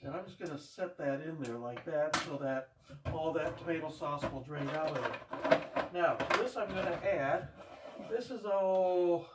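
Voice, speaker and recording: An older man with a slightly high voice takes his time, talking unhurriedly through homespun stories as he cooks at home. As a home cooking vlogger doing a casual demonstration, he's recorded by a camera across the room. There's background noise, the kitchen echoes, and his voice comes from far off.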